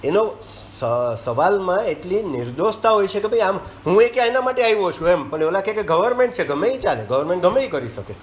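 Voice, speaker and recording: A man's voice: high-pitched, a little fast, few pauses. A man reviewing a film, retelling its scenes in casual talk and acting out the lines. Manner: animated storytelling, acting out dialogue lines. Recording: echoey room with faint ambient hiss.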